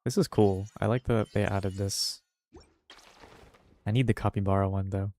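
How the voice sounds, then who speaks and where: Over game music, a man streams a game with loose, slangy commentary and plenty of muttering under his breath. His voice is lowish and a little mellow, with fairly even intonation and a moderate pace.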